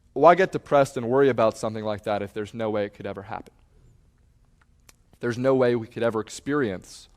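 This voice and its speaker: A man giving a talk, telling stories dramatically and building intensity around a repeated refrain. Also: mid-range voice. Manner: acts out shouts and quotes.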